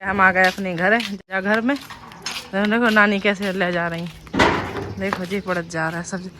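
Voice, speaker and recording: A woman's voice: mid-range voice, fairly even intonation, a little slow. Woman chatting over heavy noise. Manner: chatty, showing things to camera. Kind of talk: casual vlog chat. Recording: very noisy outdoor phone recording.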